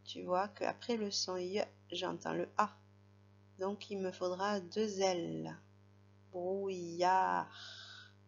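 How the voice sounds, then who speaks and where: Slow, patient woman dictating spelling words. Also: lowish voice, steady tone, vocal fry, slight background noise. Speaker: teacher. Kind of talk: spelling dictation lesson for a child. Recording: slightly dull, lo-fi recording.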